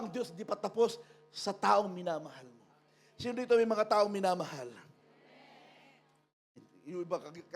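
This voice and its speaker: A man with a Filipino accent preaching a sermon as a pastor, mixing Tagalog and English and rising to shouts. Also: high-pitched. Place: church.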